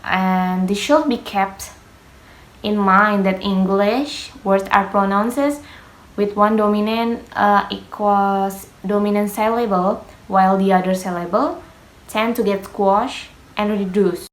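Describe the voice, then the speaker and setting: A young woman, a student whose first language is Indonesian, gives a lesson on pronunciation in English with minor grammatical errors. She talks slowly and hesitantly, pausing frequently for fillers, with a mid-pitched voice and fairly level intonation. The room around her is echoey.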